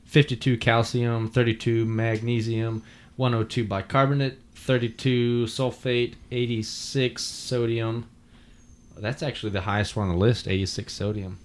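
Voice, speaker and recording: A man's voice: mid-range voice, little pitch movement, normal speed. Playful man reading brewing details. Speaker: co-host of a beer tasting show. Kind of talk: casual chat.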